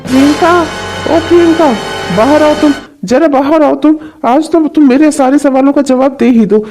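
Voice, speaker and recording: A woman voicing a troubled young husband in a cartoon, brooding and quick to anger. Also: fairly high pitch, fairly even intonation, over music, close to an everyday voice. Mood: angry. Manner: brooding, then shouting in anger. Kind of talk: cartoon voice acting.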